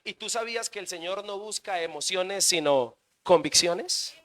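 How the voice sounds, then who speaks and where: Man, pastor, church sermon, rhetorical questions, loud-soft swings, high voice. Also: normal speed.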